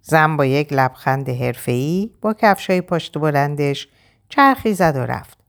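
Woman narrator, audiobook reading, low voice, lively intonation.

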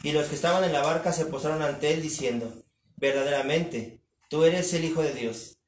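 A man reads scripture aloud at a steady, measured pace, his voice a little high. He sounds far from the mic, with echo all around and a faint noise underneath. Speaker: scripture reader. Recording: distant, echoey, faint noise.

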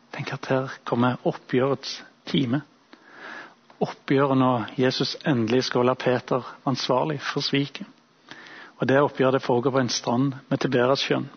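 A male preacher giving a sermon, retelling a Bible story in a reflective, imaginative way with thoughtful pauses. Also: mid-range voice, breathy edge, muffled recording.

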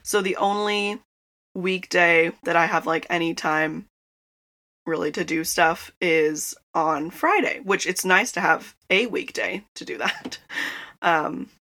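A young woman with a bright, forward voice talks her way through a snack in a relaxed, rambling chat, breaking into laughs often. She is recording inside a small closet. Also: fairly low pitch, slow pace. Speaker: podcast host. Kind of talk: casual chat.

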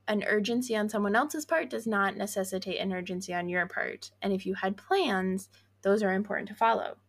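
Woman w lots of vocal fry, mid pitch, chatty earnest podcast cohost, says like a lot. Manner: earnest, chatty, frequent "like" and "um", light laughs. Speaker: podcast co-host. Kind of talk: casual chat.

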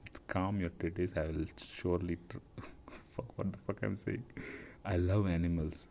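A man's voice: sits low, steady tone, normal speed, creaky, mellow, slight background noise. A young man hosting a podcast, reading dating profiles aloud with profane, sarcastic, mocking comic commentary. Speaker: podcast host.

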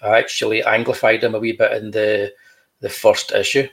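A man's voice: lowish voice, level tone, moderate pace, a bit bright, low-quality recording. A man, a comic book creator talking casually and showing his artwork, chatty with dry humor.

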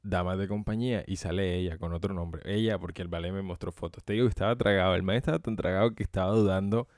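A man's voice: sits low, steady tone, fast talker, darkish tone, dry recording. A man from Colombia, hosting a solo podcast and rambling in a joking, profane way into a close microphone. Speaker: podcast host. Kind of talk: casual solo podcast monologue.

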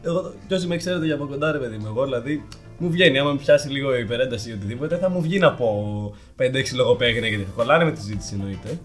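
A man's voice: medium pitch, animated, faint music behind. Joking young male podcast co-host. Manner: joking, rambling, self-mocking. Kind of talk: casual chat.

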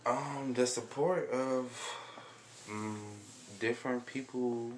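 Slow, laid-back young man. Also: medium pitch, fairly even intonation, background noise. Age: 20s. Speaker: podcast guest. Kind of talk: casual podcast chat.

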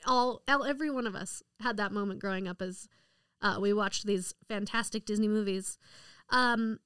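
A woman's voice: medium pitch, normal speed, a bit bright, clear, resonant tone, no room sound. A woman co-hosting a podcast, chatting casually with lots of laughter and rambling, enthusiastic explanations. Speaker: podcast co-host. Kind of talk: casual chat.

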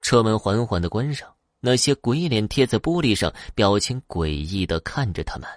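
A man with a low voice reading a ghost story aloud in a dramatic style. His intonation rises and falls a lot to build suspense. The recording is close and dry, with no room sound. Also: lively intonation, normal speed, dry recording. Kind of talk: scripted ghost story narration.

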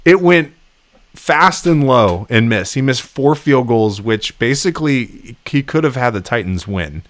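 A man hosting a sports podcast in casual, animated chat, laughing often. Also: medium pitch, unhurried, slight background noise. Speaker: podcast host.

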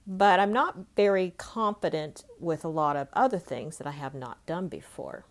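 A woman in her fifties from California, talking earnestly and conversationally as she reflects aloud in a personal vlog. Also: low-pitched. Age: 50s. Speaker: self-help vlogger.

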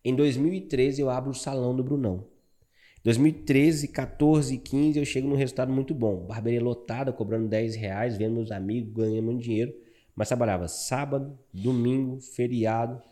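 A Brazilian man in his thirties, a barber, telling his story as a guest in a casual interview, animated and calling the listener "cara". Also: medium pitch, moderate pace. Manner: animated, fills talk with "cara".

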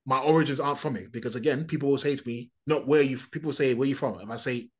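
Speaking quickly in a mid-range voice, this English man rambles through an opinionated podcast monologue, frequently starting over and saying things twice.

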